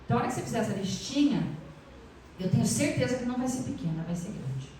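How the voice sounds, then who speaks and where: A woman's voice: on the high side, animated, quick pace, mellow, slight background noise. A middle-aged Brazilian woman giving a spiritual lecture in a chatty way, often asking the audience questions. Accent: Brazilian Portuguese. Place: lecture hall of a spiritist center. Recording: echoey hall, mic far off.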